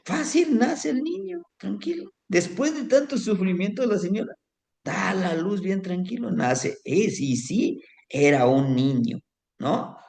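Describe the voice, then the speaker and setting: A man's voice: high-pitched, expressive, unhurried, vocal fry, a little mellow. A man telling a folk tale orally, rambling, with tag questions and lots of diminutives. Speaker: storyteller. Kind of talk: oral folk storytelling.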